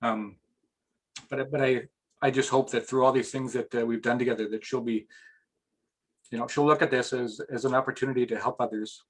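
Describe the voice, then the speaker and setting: A man's voice: mid-range voice, fairly even intonation, brisk, pauses often, fairly bright tone. A middle-aged man as an interview guest, chatting casually and rambling with restarts, getting emotional at times.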